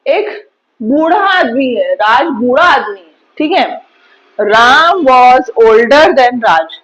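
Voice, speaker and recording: A woman with a high voice teaches grammar at an unhurried pace, putting questions to her class and answering them herself. The sound is slightly muffled and lo-fi. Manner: explains step by step, asks and answers her own questions. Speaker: English teacher.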